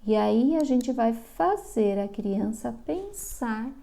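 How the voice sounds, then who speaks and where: A middle-aged woman from Brazil walks parents through a reading lesson, stretching each syllable slowly. Her voice is a little high yet mellow and dark. A gravelly fry runs through her delivery. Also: big pitch swings. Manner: slow, drawn-out sounding of syllables. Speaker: literacy teacher. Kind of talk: instructional explanation for parents.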